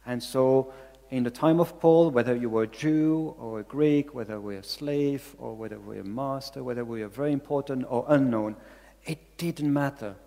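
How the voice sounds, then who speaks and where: Delivering a sermon in his second language, English, a Belgian-accented pastor stays earnest and leans on repetition. The voice is middle-pitched, creaky and a little mellow, echoing with a long reverb as if in a large hall.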